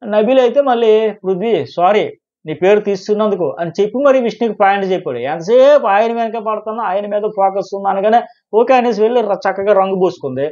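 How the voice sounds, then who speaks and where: A man talks at a rapid clip, reviewing a reality show with excited emphasis and piled-up phrases. His voice sits fairly high for a man. The sound is dull and lo-fi. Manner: excited, emphatic, quotes contestants in quick bursts. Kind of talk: fast live commentary.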